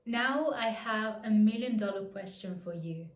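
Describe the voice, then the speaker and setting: A woman teaching a pronunciation lesson, patient and clear, demonstrating each word slowly and repeating it. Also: medium pitch, roomy sound. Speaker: language teacher.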